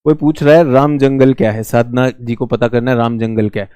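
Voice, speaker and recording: A man teaching a lively, joking exam-prep lesson, now and then slipping into brief mock voices. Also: medium pitch, fairly quick, clear, resonant tone, dry recording.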